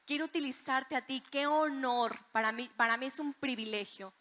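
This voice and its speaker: Woman preacher, high bright voice, animated testimony-style sermon. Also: normal speed. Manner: animated storytelling, acts out voices in quotes.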